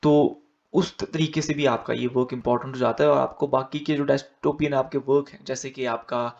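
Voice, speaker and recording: A man's voice: medium pitch, lo-fi sound. A man with an Indian English accent teaching an exam-prep lecture, switching between Hindi and English and answering his own questions.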